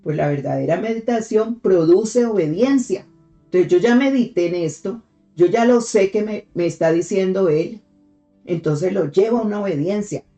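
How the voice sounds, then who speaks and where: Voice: mid-range voice, moderate pace, dark tone, faint music behind. A devotional preacher giving a sermon, teaching step by step, asking rhetorical questions and repeating key phrases for emphasis.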